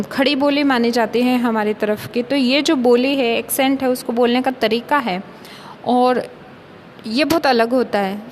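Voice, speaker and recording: A young woman teacher gives a patient lecture, mixing in English terms. Her voice sits high, and faint noise hums behind her. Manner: patient, explains with everyday examples. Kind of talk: explanatory lecture in Hindi mixed with English terms.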